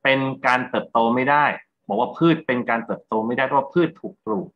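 A man's voice: medium pitch, steady tone, fast. Thai man explaining grammar, slightly lo-fi. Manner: explanatory, asks rhetorical check questions. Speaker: English grammar teacher. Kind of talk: classroom lecture, explaining exam answers.

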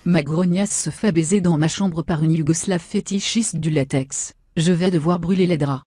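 Woman acting out a crude, smug young woman, dark husky tone, comic machinima lead. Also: fairly low pitch, moderate pace, dry recording, faint music behind. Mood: brash. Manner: brash, insulting, self-satisfied. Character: vain crude foul-mouthed young woman.

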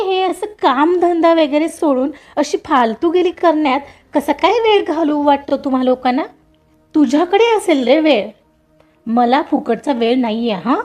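A woman voicing a calm, self-assured young man who answers a bully with amused dismissal in a storybook reading. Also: high voice. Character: calm, cocky young male hero.

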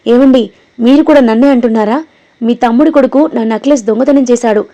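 A woman's voice: a little high, fairly quick, dark tone, muffled recording, lightly acted. A woman voicing a scheming, dramatic woman in a storybook reading. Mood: accusing.

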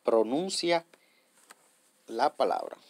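Slow, patient man teaching an app. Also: mid-range voice, huge pitch swings, creaky, no room sound. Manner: patient, repeats and checks with viewers. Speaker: tutorial host. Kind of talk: step-by-step app tutorial.

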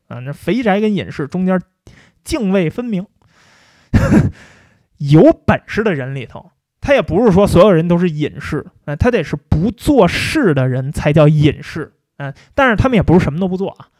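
Brief: male livestream host, high voice, dry close recording, joking and chatty. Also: darkish tone, dry recording. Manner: chatty, jokey, colloquial. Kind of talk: casual philosophy talk.

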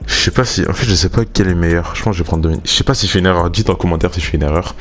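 Deep-voiced man commenting on gameplay. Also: racing. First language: French. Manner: chatty, thinks aloud, excited chanting during pack openings. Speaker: gaming YouTuber.

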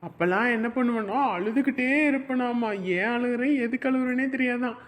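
A man calmly telling his life story in a drama, unhurried and even. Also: very high voice. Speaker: narrator in the drama.

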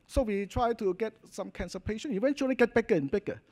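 A man's voice: sits high, fast talker, darkish tone. A middle-aged man with a Hong Kong Cantonese accent giving an informal conference talk as a doctor, emphatic, in short choppy phrases ending in little check-in tags. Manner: choppy short phrases with frequent "okay?" and "you know" tags. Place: hotel function hall, at a podium.

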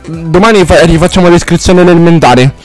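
A man streaming a game live, chatting casually and swearing freely at his viewers, with loud exaggerated outbursts. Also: on the high side, quick pace, faint music behind. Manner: rambling and profane, chatting to viewers.

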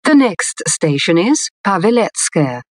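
A woman reading formal, scripted subway announcements in clearly separated phrases. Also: lowish voice, sing-song, slow, no echo, clean studio sound.

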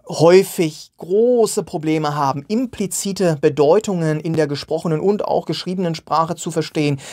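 A man's voice: fairly high pitch, darkish tone. A man explaining a topic in an educational video, earnest, with many hesitations and repeated words for emphasis. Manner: frequent hesitation fillers.

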